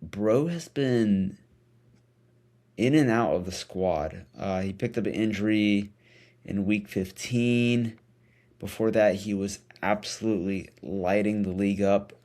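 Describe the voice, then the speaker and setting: Low-pitched man talking with a retainer in. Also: a little slow, a little mellow. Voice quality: slightly impeded speech from wearing a dental retainer. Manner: hesitant, self-correcting, informal. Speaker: host of a fantasy football vlog. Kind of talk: casual solo commentary.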